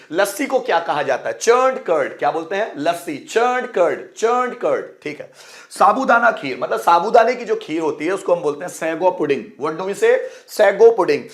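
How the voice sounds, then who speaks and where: Male tutor, high voice, quizzes each word back, spells terms out slowly, friendly teacher. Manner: repeats each word with a quiz-style question; spells words out letter by letter slowly. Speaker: English teacher. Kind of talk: bilingual vocabulary lesson.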